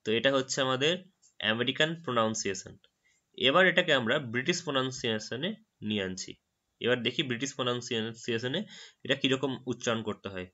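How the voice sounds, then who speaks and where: Bright-voiced man teaching English words. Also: medium pitch, highs cut off. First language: Bengali. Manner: explains patiently, repeats words slowly after a dictionary audio. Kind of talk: screen-recorded tutorial narration.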